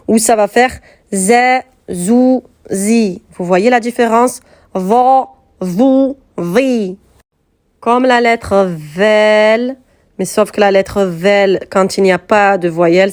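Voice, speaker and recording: A woman's voice: mid-range voice, a little mellow. A woman teaching letter pronunciation in a patient, step-by-step lesson, repeating sounds so learners can compare them. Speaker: Quran reading teacher.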